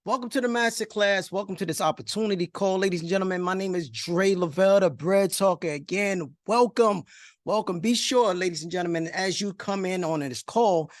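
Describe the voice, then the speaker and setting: Hosting a motivational investing masterclass on an online video call, this middle-aged New Yorker speaks briskly in a high voice with a New York accent. He stresses his points, repeats phrases, and keeps checking in with his audience, captured in a dry, studio-quality recording.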